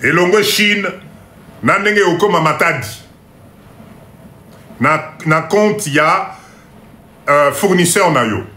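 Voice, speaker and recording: A man giving a live class on import-export, going slowly, repeating each point, checking that everyone follows, and joking about his own English. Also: fairly high pitch, expressive, bright, forceful tone, reverberant. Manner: mixes in Lingala phrases and jokes about his English. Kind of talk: live online lesson.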